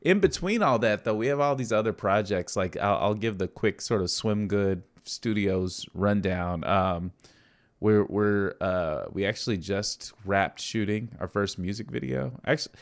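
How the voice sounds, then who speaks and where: Low-ish guy filmmaker rambling about his projects, eager and upbeat, casual stream chat. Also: unhurried. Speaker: filmmaker and studio co-founder.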